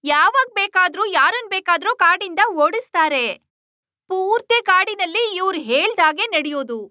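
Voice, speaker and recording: A woman's voice: very high voice, animated, normal speed, bright, forceful tone, no room sound, studio quality, heavily acted. A woman voicing a weary, complaining fox in a cartoon. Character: oppressed fox, a weary forest subject. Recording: music under the voice.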